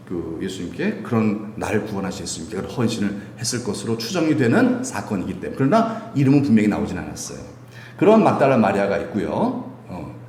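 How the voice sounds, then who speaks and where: A male pastor giving a sermon, animated and quizzing his congregation with questions. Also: deep voice, slight background noise. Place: church sanctuary. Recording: echoey church hall.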